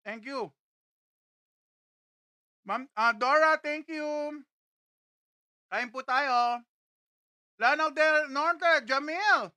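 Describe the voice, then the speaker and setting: A woman hosts a casual live stream from a studio, greeting viewers by name one after another and tasting dishes on camera. Her voice sits high and bright, and she speaks at an unhurried pace. The sound is dry and close, with no room echo.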